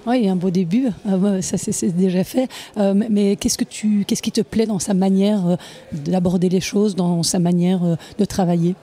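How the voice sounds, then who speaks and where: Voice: medium pitch, steady tone, normal speed, warm tone. A podcast host interviewing tennis figures, asking friendly questions with frequent fillers.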